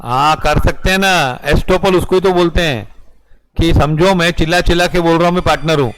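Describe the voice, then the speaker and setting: Male lecturer, pitched high, lively classroom teaching with slow dictation. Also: slight background noise, rough recording. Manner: animated, drills students with rhetorical questions; dictates definitions slowly in English. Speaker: law lecturer. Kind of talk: classroom lecture in Hindi mixed with English. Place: classroom with students.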